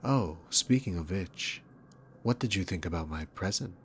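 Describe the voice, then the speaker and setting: With a low, animated voice at normal speed, a man plays a dominant demon king villain who taunts the listener smugly in an ASMR roleplay. His sarcasm comes across as mocking, theatrical condescension, and there's slight background noise.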